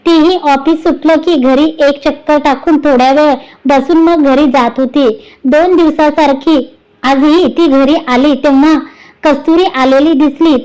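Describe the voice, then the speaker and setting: A woman's voice: high voice, a little mellow, poor audio. A woman narrating a serialized family story, reading every character's lines in her own voice.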